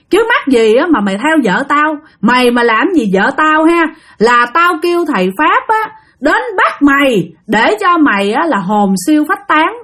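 Furious scolding husband, woman doing it, fast, raised voice. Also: on the high side, slightly rough. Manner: shouting, rapid, scolding. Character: furious husband shouting at a ghost.

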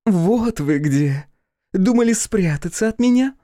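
Man doing a drunk, shrill young brawler woman. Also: lively intonation, unhurried, dark tone, dry recording, clean studio sound. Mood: taunting. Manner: shrill, mocking, slurred taunts.

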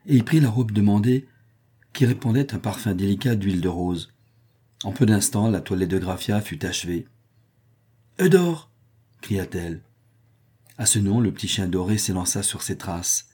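A man reading a historical novel aloud as narrator, in a measured, even manner. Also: low voice, husky. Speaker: audiobook reader.

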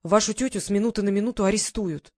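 An urgent young English gentleman in a storybook reading, voiced by a woman narrator presses his warnings hard and fast. He sounds blunt and insistent. The recording is dry and close. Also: mid-range voice, dry recording, close to an everyday voice.

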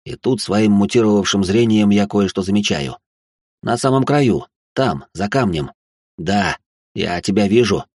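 A man with a low, husky voice narrates a first-person story, dramatic and quick with side remarks. The recording is dry and close. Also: a little mellow, no echo.

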